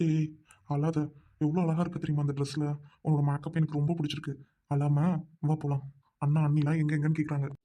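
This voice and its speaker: A man voicing a loyal young groom in an amateur audio drama, scolding hard and then reassuring gently. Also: a little high, little pitch movement, fast, long pauses, lightly acted.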